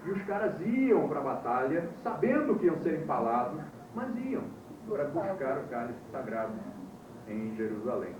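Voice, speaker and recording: A man's voice: fairly high pitch, sing-song, moderate pace, far from the mic, noisy background. A man teaching a classroom course, telling stories in a wry way and quizzing his students, heard from an old VHS tape recording. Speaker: course instructor. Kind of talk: classroom lecture. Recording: muffled, echoey old VHS tape from afar.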